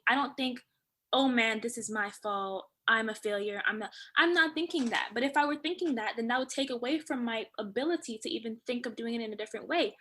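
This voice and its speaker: A woman's voice: fairly high pitch, bright, forceful tone, slightly rough. A woman guest on a podcast who talks emphatically and acts out her own inner thoughts as she speaks. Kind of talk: casual podcast conversation.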